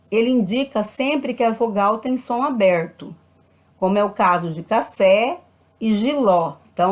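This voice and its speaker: A woman with a Brazilian Portuguese accent, a primary school teacher patiently explaining a grammar lesson, often checking in with "né?". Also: mid-range voice. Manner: patient, repeats with frequent "né?" checks.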